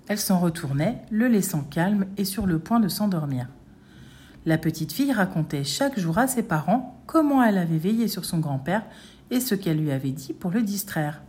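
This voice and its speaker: Woman storyteller, even read-aloud folk tale narration. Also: fairly low pitch.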